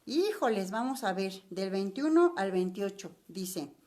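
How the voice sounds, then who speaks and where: A woman's voice: mid-range voice, sing-song, measured pace, darkish tone. An older woman with a Mexican accent, teaching a Bible study lesson in a chatty way, putting rhetorical questions to her listeners.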